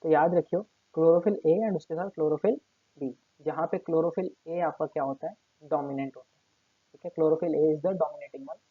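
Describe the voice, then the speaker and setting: Speaking at a moderate pace with fairly even intonation, this man has a slightly high voice with a breathy edge. He's a teacher seated at his table delivering a recorded lecture, going step by step and checking on his students after almost every point, captured as tinny, phone-like lo-fi audio with no room sound.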